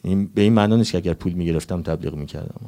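Man preaching quickly and conversationally. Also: low voice, dark tone. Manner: quick, conversational preaching with recited Arabic quotations. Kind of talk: Shia mourning sermon.

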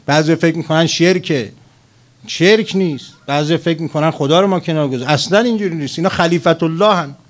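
A man preaching a sermon, telling a story and building to emphatic passages. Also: a little high.

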